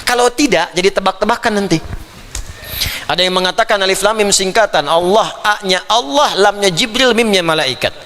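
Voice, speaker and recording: A man preaching a Quran commentary lecture to an audience, animated and playful, slipping into imitations of foreign phrases. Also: high-pitched, normal speed, big-room sound. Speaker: Islamic preacher.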